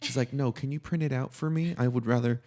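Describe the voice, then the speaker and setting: A man with a deep, warm voice talks at a quick pace while co-hosting a podcast. His casual chat is laid-back, jokey, and full of slang.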